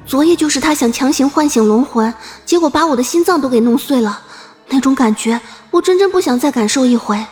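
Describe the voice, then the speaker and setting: A woman voicing a young princess, high voice, wistful, soft reflective monologue. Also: expressive, brisk, soft background music. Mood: wary. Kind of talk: audio drama acting.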